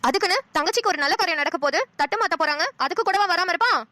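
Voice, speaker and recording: A woman's voice: very high-pitched, expressive, racing, sharp tone, no echo, full character voice. A woman voicing a fussy aunt who asks question after question insistently in a cartoon. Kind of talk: cartoon voice acting.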